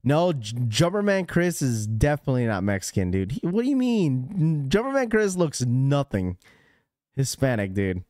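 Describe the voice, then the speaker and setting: A young man hosting a sneaker stream talks at a moderate pace in a sing-song, medium-pitched voice with a darkish tone and a dry sound. His casual chat includes loose jokes, plenty of laughter, and voice mimicry. He's in a small indoor room with blue lighting, close to a boom-arm studio mic.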